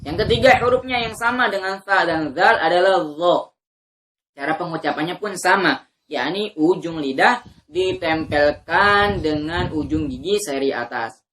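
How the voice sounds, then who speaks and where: Woman Quran teacher, bright lowish voice, patient drills, slow chanted recitation. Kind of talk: teaching letter pronunciation to learners.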